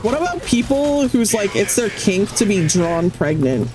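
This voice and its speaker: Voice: mid-range voice, normal speed. A streamer chatting casually while gaming, talkative and incredulous, often laughing. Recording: steady background noise.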